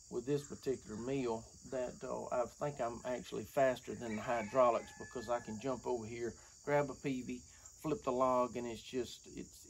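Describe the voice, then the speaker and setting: A man in his forties with a relaxed drawl, rambling folksily to camera and calling his viewers y'all. His mid-pitched voice carries a gravelly edge. He stands outdoors under an open shed, with faint insect and cricket noise behind him. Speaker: woodworking vlogger. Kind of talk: casual chat to camera.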